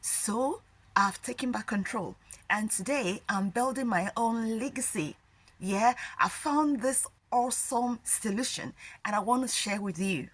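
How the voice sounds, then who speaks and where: A woman's voice: a little high, a little slow, breathy edge. A woman from Ghana giving an earnest, persuasive testimonial as a nurse turned online business promoter. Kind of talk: scripted testimonial. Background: background music.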